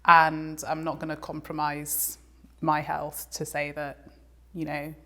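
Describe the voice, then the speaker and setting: A woman's voice: low voice, monotone, takes it slowly, sharp tone. A woman, a composer talking reflectively as an interview guest, with many ums and restarts. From England. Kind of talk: casual interview conversation.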